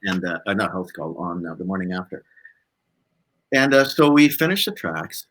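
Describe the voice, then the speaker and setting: A man with a low voice speaks at a moderate pace on poor audio. Interviewed as a guest, the blues musician relaxes into lively personal stories, acting out dialogue along the way and tagging his phrases with "right?".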